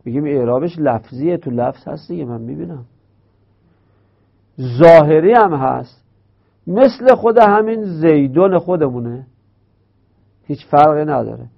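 Guy teaching grammar, slightly high voice, repeats terms slow, muffled recording. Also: lively intonation, vocal fry. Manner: explains step by step, repeating terms slowly. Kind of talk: Arabic grammar lecture. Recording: dull lo-fi recording.

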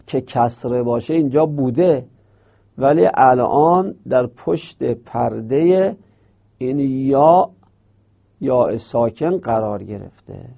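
A Persian-speaking man teaches Arabic grammar in an explanatory lesson, going step by step and repeating and drawing out terms. His voice is mid-range and creaky, captured on a dull lo-fi recording.

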